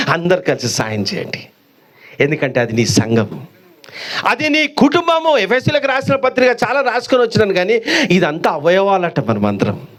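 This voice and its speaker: A man preaching a sermon in a church, telling stories and acting out their voices, swinging between high exclamations and low drawn-out lines. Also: a bit bright. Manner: storytelling, acting out voices of mother and son. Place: church hall.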